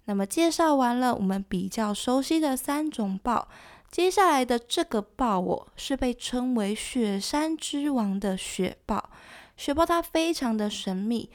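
A woman giving scripted nature documentary narration as a presenter, explaining things in a conversational way with soft sentence particles. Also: on the high side, lively intonation, unhurried. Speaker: presenter of an animal education show.

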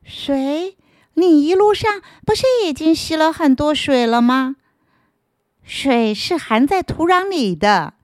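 A kind earthworm from a children's storybook, friendly and encouraging like a helpful big brother, as a woman storyteller puts it on. The voice sits high and lilts with lively pitch. The sound is close and dry. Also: slow pace, no echo. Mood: kindly. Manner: warm, kindly, encouraging.

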